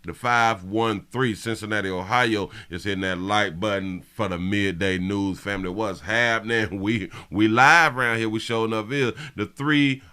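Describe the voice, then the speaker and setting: A man's voice: on the low side, steady tone, moderate pace, hardly any pauses, smooth. Man casually hosting a livestream. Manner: shouting out viewers by area code, slangy and loose. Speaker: livestream host.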